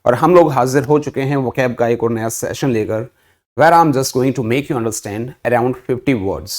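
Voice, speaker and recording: A man's voice: medium pitch, slow pace, a little mellow. An Indian man teaching an online English vocabulary lesson, mixing Hindi and English and asking and answering his own questions.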